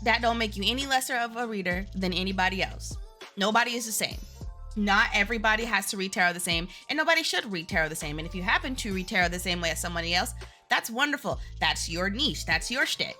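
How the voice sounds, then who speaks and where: A woman's voice: medium pitch, animated, sharp tone, soft background music. A woman co-hosting a casual chat show, talking in slangy, theatrical style with exaggerated emphasis. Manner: theatrical, exaggerated hype with drawn-out words. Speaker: podcast co-host.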